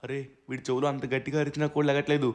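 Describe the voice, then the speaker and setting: A man hosting gameplay role-play commentary, excitable and often shouting. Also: medium pitch, very fast. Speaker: gaming YouTuber, host.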